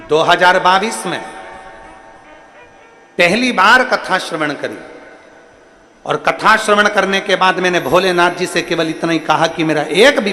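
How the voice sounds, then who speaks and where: A male religious storyteller giving a live devotional sermon, swinging dramatically between loud and soft. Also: on the high side. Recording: echoey live hall with long reverb.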